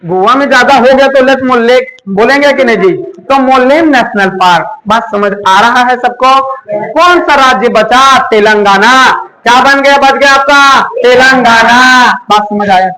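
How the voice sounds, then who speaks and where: A man lectures a class in a loud, call-and-response style, firing questions at his students. His voice sits very high and rings bright and forceful. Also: normal speed, rough recording. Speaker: teacher. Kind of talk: classroom lecture with memory tricks.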